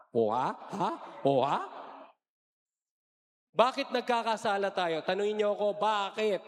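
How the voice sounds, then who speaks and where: A man giving a playful, joking sermon-style talk to a congregation, coaxing them into call-and-response. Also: high-pitched. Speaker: lay preacher giving a parish retreat talk. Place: large church. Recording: echoey church hall.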